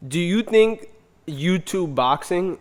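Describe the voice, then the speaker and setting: A young man with a fairly high voice argues sports with a buddy, pressing his points and repeating himself for emphasis. His voice trails off into a long reverb. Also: lively intonation, slow pace. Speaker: podcast co-host. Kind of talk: casual sports chat.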